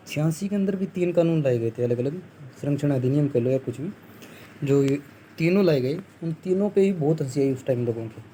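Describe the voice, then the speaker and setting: A man's voice: on the high side, dark tone, a little hiss or hum, poor audio. A young man teaching a Hindi exam-prep lesson, explaining step by step, quizzing his students and answering his own questions. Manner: explains step by step, asks the class questions and answers them, often says "theek hai"; acts out scoffing crowd voices as jokes.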